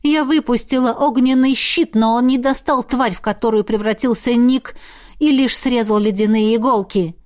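A woman reads a fantasy novel aloud in a steady, expressive narration. Her voice sits a little high for a woman and carries the story evenly. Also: moderate pace. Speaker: audiobook narrator.

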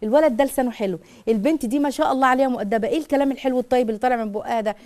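A middle-aged woman with an Egyptian Arabic accent, hosting a live call-in parenting advice show and acting out mothers' words as she talks. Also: high-pitched. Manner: rapid, animated, acts out mothers' words.

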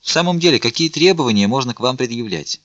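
A man's voice: medium pitch, lively intonation, quick pace, a bit bright, no room sound, dull audio, voice pushed up, lightly acted. A man reading a young, courteous royal army officer in an audiobook, polite and formal.

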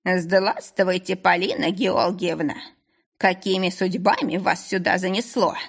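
A woman reads an older Chinese restaurant owner in a storybook audiobook, slow and deliberate, his Chinese accent swapping R for L. Husky and breathy in tone, he sounds stern on the surface yet kindly underneath. He weighs every word before he says it. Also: lowish voice, steady tone, heavily acted. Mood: measured. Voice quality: slow, measured, swaps R for L.

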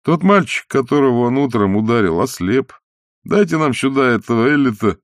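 A man voicing a burly crowd leader of about thirty who speaks briskly and defiantly. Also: mid-range voice, no echo, studio quality, pitched above the performer's own voice, lightly acted. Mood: demanding. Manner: brisk, lively, demanding.

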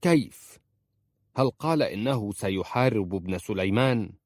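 A sharp-tongued, worried uncle scolds in a deep, dry voice, as a male narrator voices him. The storybook reading is close to the mic. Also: animated, normal speed, no echo. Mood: scolding. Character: stern worried older uncle, protective.

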